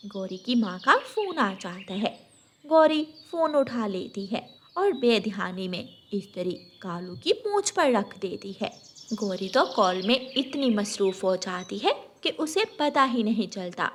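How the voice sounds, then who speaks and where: A woman narrating a children's cartoon story and voicing its characters in a lively way. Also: mid-range voice, a little slow, a little hiss or hum. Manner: lively, defensive, chatty. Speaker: narrator and voices of several characters.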